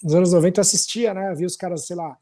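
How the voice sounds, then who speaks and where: This podcast guest is a laid-back musician from São Paulo who speaks Paulistano Brazilian Portuguese at a quick pace. His mellow voice sits high, and he rambles through casual stories, often adding tag questions. Slight background noise can be heard.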